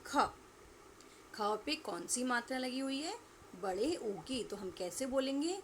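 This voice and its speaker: Slow, patient woman teaching children. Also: high-pitched, lively intonation, slight background noise. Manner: slow, drawn-out repetition for pupils to echo; asks questions and answers them herself. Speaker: school teacher. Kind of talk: online Hindi lesson for young children.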